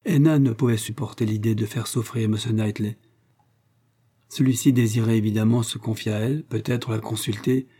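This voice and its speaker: A man narrating a classic novel in a calm, measured reading voice. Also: lowish voice, slightly rough. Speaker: audiobook narrator. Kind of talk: scripted narration.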